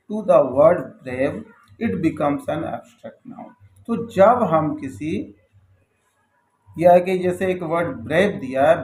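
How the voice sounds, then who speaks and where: A male teacher gives an English grammar lesson, reading each English line slowly and then breaking it down step by step. His voice sits fairly high for a man. The sound carries a clear room echo. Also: a little hiss or hum. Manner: explains step by step, reads English lines slowly then repeats them. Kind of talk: classroom-style grammar lesson. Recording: echoey room.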